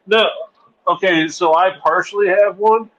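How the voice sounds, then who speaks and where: A man's voice: high voice, unhurried, a bit bright, muffled recording. A man co-hosting a podcast, talking casually with goofy, absurd jokes. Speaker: podcast co-host. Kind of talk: casual chat.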